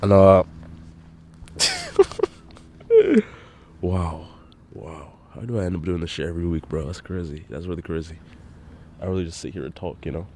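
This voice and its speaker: A man's voice: low voice, wildly swooping pitch, unhurried, pauses often, darkish tone, slight background noise. A young man with a congested, nasal voice, rambling casually and swearing often as he hosts his own podcast. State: congested nose. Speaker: solo podcast host.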